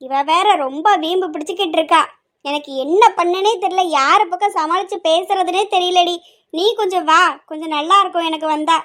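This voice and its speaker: A woman voicing a worried middle-aged mother who pleads slowly and sometimes scolds. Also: very high-pitched, a bit bright. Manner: slow, pleading, scolding at times. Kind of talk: amateur family drama.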